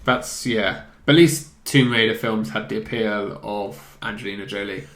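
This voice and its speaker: In an echoey room, a man co-hosting a podcast talks informally in a casual discussion, feeling his way through his phrasing. His voice is lowish and a bit bright, and his pace is moderate.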